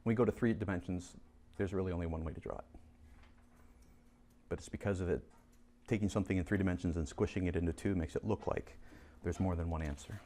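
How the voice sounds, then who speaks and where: A man's voice: low voice, quick pace, long pauses, slight background noise. A man teaching a chemistry class, coaxing and teasing students as he goes over review problems. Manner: lively, teasing, coaxes students to answer. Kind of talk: classroom lesson.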